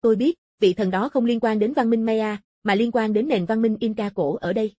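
A woman's voice: on the high side, a little fast, dark tone, no room sound, studio quality, natural voice. A woman reading the lines of a curious male former lawyer turned explorer of ancient ruins, in a thoughtful, explaining manner. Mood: musing.

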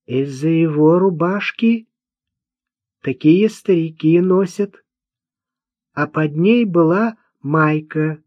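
A man's voice: a little high, slow pace, pauses often, no echo, pitched above the performer's own voice. A man voicing a simple-minded, vengeful young man in an audiobook, talking bluntly and childishly. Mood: resentful. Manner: childish, blunt, hate-filled. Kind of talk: audiobook character voice. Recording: dull dry lo-fi recording.

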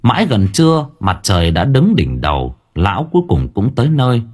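A man narrating a ghost story in an expressive, dramatic way. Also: lowish voice, brisk, husky. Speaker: audiobook narrator.

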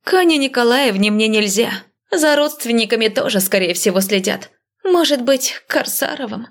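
A woman voicing a stubborn, sharp-tongued young woman in hiding who grumbles and snaps, in an audiobook. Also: a little high, animated, normal speed, pitched above the performer's own voice. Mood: grumbling. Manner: grumbling, snappish. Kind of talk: audiobook character voice.

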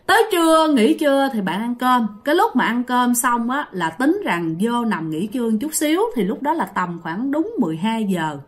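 A woman's voice: a little high, sing-song, normal speed, few pauses. A woman telling a ghost story in a chatty style, addressing listeners directly. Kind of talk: casual ghost story narration.

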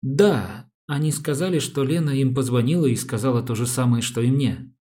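A man's voice: mid-range voice, normal speed, dark tone, close to an everyday voice. A man voicing a frightened young woman witness who gives short, hesitant answers, in his own plain voice.

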